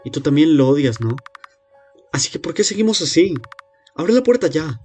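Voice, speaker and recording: A man's voice: fairly high pitch, very animated, moderate pace, a little mellow, faint music behind, pitched above the performer's own voice. A man voicing a trapped monster that begs to be let out and bitterly accuses the girl who keeps it locked away.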